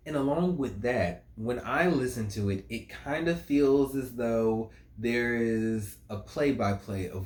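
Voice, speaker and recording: A man picks apart a song's lyrics at an unhurried pace, musing aloud as he goes. His mid-range voice carries a roomy echo. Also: medium pitch. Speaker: music reviewer. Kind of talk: casual song analysis. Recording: roomy, echoey room.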